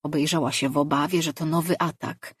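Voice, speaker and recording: A woman narrating a fantasy audiobook in a measured, even storytelling manner. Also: deep voice, husky, dry recording, clean studio sound.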